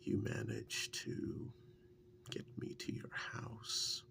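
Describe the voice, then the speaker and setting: A man lightly acts the part of a fond, wry partner recalling the past in an intimate, soft-spoken ASMR role-play. Breathy and halting, he muses aloud and often lapses into a whisper, sounding wry and reflective.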